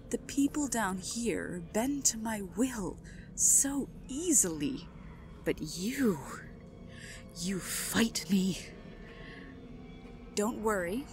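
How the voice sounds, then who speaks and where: A woman playing an imperious, possessive queen in an ASMR audio roleplay, regal, controlled and deliberate, with menacing sweetness. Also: medium pitch. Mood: menacingly sweet.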